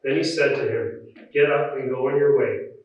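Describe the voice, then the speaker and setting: Man, heavy cathedral echo, distant from the mic, solemn scripture reading, measured delivery. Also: mid-range voice, fairly even intonation. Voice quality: echoing cathedral-like sound. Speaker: scripture reader at a church service. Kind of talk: formal liturgical scripture reading. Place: large reverberant church. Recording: very echoey church, distant muffled mic.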